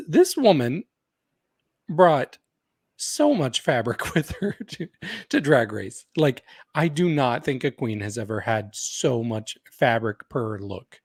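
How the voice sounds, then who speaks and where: A man's voice: mid-range voice, dry recording, studio quality. A man co-hosting a podcast in casual chat, opinionated and chatty, often laughing as he talks. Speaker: podcast co-host.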